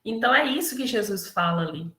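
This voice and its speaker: A Brazilian woman with a Minas Gerais accent gives an earnest spiritist talk, her voice sitting fairly high. She speaks conversationally, tags her points with quick questions and acts out the people she quotes. The sound rings around an echoey lecture hall. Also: expressive, fairly bright tone. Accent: Brazilian Portuguese, Minas Gerais.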